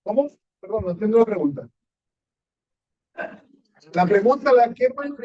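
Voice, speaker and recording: Emphatic high-voiced male pastor, lo-fi. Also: lively intonation, normal speed. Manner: emphatic, asks the audience often, rising and falling sharply. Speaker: pastor teaching a class. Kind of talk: sermon-style Bible teaching with congregation questions. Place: church meeting room. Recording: dull lo-fi church recording.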